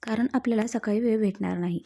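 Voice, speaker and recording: A tender young husband with a playful, teasing way of talking, read by a woman. The voice is soft and mellow, a storybook reading with a gentle, unhurried delivery. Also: a little high, vocal fry.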